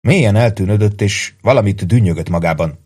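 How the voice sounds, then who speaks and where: Low-voiced male audiobook narrator. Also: a little mellow, husky. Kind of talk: scripted narration.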